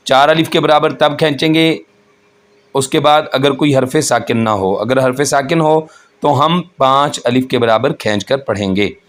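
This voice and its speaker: A man teaching Quran recitation rules, explaining each point slowly and patiently and chanting the verses in a melodic voice. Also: mid-range voice. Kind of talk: tajweed lesson with chanted recitation.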